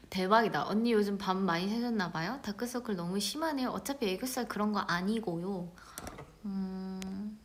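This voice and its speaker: A woman chatting casually with viewers on a live stream, playful and giggly, often dropping into a soft whisper. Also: medium pitch, a little slow, slight background noise.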